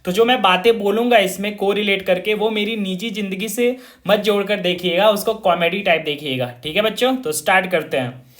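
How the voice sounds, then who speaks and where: A man with a notably high voice teaches a vocabulary class. He drills each word over and over in call-and-response, speaking to his students as children. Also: fairly quick, a bit bright. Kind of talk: informal online classroom lesson.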